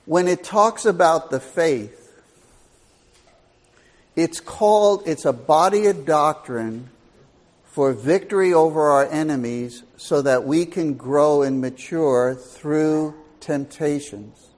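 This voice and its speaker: Older male preacher, slow and unhurried, folksy storyteller who drives home his points. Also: on the high side, darkish tone. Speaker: Bible teacher. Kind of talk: Bible teaching sermon.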